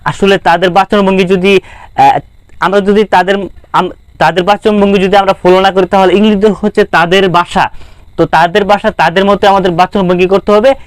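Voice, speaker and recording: A young Bangladeshi man gives an informal language lesson in a high, smooth voice, repeating himself earnestly to encourage his viewers. His Bengali accent is clear throughout. The recording is close and dry. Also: fairly even intonation, moderate pace, no echo. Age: young adult. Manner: repetitive, restarts phrases, earnest and encouraging. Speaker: spoken English teacher. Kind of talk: informal lesson talk to camera.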